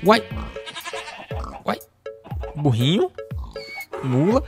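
A man's voice: on the high side, huge pitch swings, extremely slow. A young man hosting live gameplay commentary, jumpy and easily startled, often crying out in alarm and chatting to the animals and to himself. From Brazil. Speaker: gaming channel host. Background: game music and sheep bleats.

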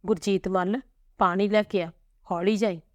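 A woman voicing a gentle, sorrowful elderly grandmother. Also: mid-range voice, fairly even intonation, moderate pace, no echo, highs cut off, close to an everyday voice. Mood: tender, sorrowful.

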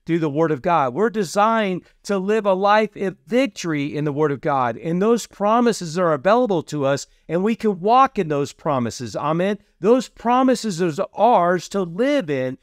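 A man's voice: high voice, animated, measured pace, few pauses, no room sound, studio quality. A man hosting a casual teaching sermon who keeps asking "Amen?" and starts his points with "so see". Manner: repeats "Amen?" and "So see" often. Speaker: preacher hosting a teaching series.

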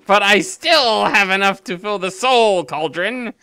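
Man putting on a very old man, slow and menacing. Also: sits high, sharp tone, smooth, dry recording, exaggerated voice. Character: very old man, menacing, self-righteous villain.

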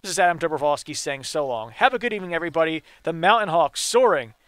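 A young man recapping college soccer highlights in a brisk play-by-play manner, speaking from a stadium broadcast booth. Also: lively intonation, a bit bright, clear, resonant tone, no room sound. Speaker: postgame highlights commentator. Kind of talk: sports highlights commentary.

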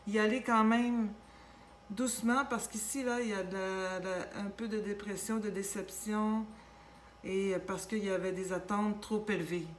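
A woman with a Québécois accent giving a casual tarot reading, gentle and reassuring, with many fillers and restarts. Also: medium pitch, steady tone, moderate pace. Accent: Québécois French. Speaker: tarot reader. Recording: echoey room with faint background noise.

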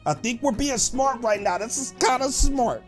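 A man doing playful let's-play game commentary as a gaming YouTuber, excitable and giggly, trash-talking the other players. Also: very high voice, normal speed. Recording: game music playing behind the voice.

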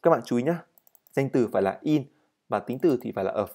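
Teaching English vocabulary and pronunciation, a man speaks with a mid-range, expressive voice and a warm tone. He says the words slowly and clearly, then explains them fast.

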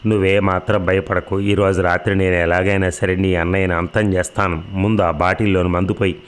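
A man's voice: deep voice, flat delivery, fairly quick, close to an everyday voice. A man reading a story voices a drunken male friend who bluntly coaxes his pal toward a crime. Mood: coaxing.

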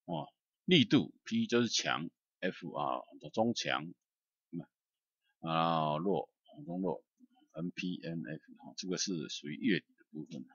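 A man giving a loose, chatty software tutorial, filled with "ah" and "hao" fillers. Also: deep voice, a little slow, slightly rough, dry recording, lo-fi sound. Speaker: music software instructor. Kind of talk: screen-recorded software tutorial.

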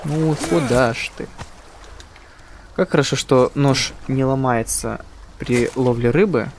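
A man's voice: mid-range voice, slow pace, a little hiss or hum. A man hosting a gaming channel with casual let's-play commentary, musing aloud and joking.

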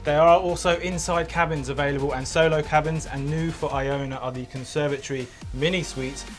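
An enthusiastic man in his forties narrates a travel vlog in a slightly high voice. Music plays loudly behind his voice-over. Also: fairly even intonation, fairly quick. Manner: upbeat, enthusiastic presenter. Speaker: travel vlogger.

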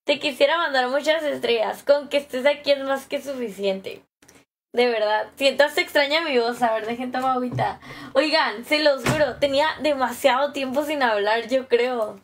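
A woman's voice: sits high, normal speed. A young woman with a Mexican accent chatting casually on a live stream from home, greeting viewers by name and laughing easily into a phone camera held close.

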